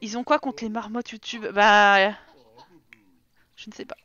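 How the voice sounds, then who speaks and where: Woman streamer, bright teasing chatter, slightly dull stream mic. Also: medium pitch, steady tone, moderate pace. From France. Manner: chatty and teasing, reads chat aloud. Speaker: streamer playing a life sim. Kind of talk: casual live-stream commentary.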